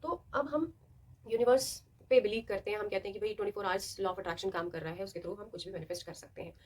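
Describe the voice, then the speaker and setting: Fast-talking, chatty young woman host. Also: medium pitch, slightly rough. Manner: chatty and expressive, acting out little quoted scenes. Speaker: self-help video host. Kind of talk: casual motivational talk to camera.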